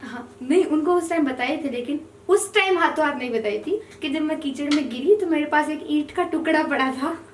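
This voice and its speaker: A woman's voice: high-pitched, fairly quick, hardly any pauses, slight background noise. A young woman, a podcast guest, telling childhood stories casually and laughing often. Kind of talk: casual storytelling. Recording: echoey room, mic at a distance.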